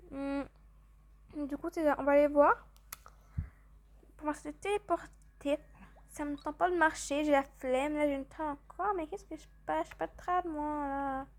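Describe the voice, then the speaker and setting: A woman chatting through gameplay commentary, rambling and excitable, a little tired from just waking up. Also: high-pitched, a little slow, pauses often. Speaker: gaming channel host.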